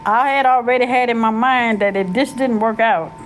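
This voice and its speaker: Middle-aged woman, host, casual storyteller, fairly high voice, slangy and lively, faint hiss behind. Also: moderate pace. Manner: animated, slangy, laughs and searches for words. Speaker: host telling her life story.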